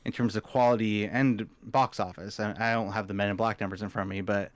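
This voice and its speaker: A man co-hosting a movie podcast, chatting casually and rambling like an eager fan, his voice jumping up when excited. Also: a little fast, no echo. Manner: chatty, rambling fan with sudden pitch jumps. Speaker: podcast co-host.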